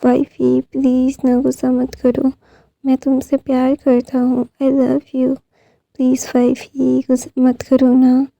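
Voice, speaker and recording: A woman voicing a young man, a doting fiancé who talks in a soft, coaxing way. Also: high-pitched, monotone, slow pace, vocal fry, dry recording, heavily acted.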